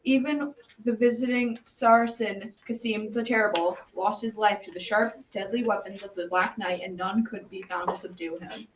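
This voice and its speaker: A young teen girl, lightly acting, takes on the role of a folksy grandfather recounting a tale to his grandchildren in a school radio drama. Her medium-pitched voice holds a steady tone at a moderate pace. The distant mic lets clear background noise through.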